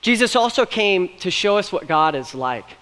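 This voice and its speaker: A man's voice: high voice, big pitch swings, normal speed, a bit bright. A young man giving a sermon as pastor, earnest and conversational, with light jokes, on stage in a church. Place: church stage with a large hall. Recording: long hall reverb from a church room.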